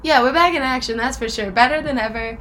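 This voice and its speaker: Higher-voiced young woman, casual podcast storyteller. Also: fast, a bit bright. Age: young adult. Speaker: podcast co-host. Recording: faint background noise.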